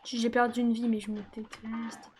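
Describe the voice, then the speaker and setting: A woman's voice: on the high side, level tone, moderate pace, darkish tone, slight background noise. A French woman streaming a video game, grumbling and ranting in mock frustration at it. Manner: exasperated ranting and mock self-pity at the game. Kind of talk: live gaming stream commentary.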